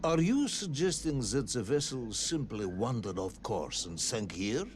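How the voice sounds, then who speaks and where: An actor playing a stern military general with a dry, sardonic manner in a game. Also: male voice, medium pitch, lively intonation, slow pace, slight background noise. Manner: clipped, sardonic. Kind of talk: scripted game dialogue.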